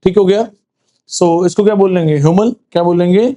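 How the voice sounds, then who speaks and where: A male teacher quizzing a class for exams, repeating answers and slowing down to read English facts. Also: high-pitched, dark tone. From Punjab, India. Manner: quizzing, asks then answers with "sir", slows for reading English facts. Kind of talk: classroom exam-prep lecture.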